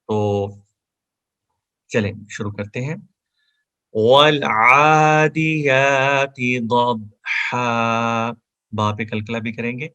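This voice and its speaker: A man teaching an online Quran memorization lesson, who explains pronunciation step by step and then recites each verse in a slow, drawn-out chant. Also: on the low side, steady tone.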